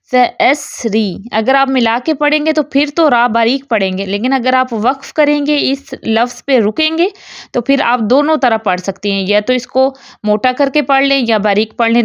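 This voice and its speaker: A woman teaching a recitation lesson who explains step by step, checks understanding often, and slowly chants the example words. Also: on the high side, no room sound, dull audio. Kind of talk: tajweed lesson in Urdu.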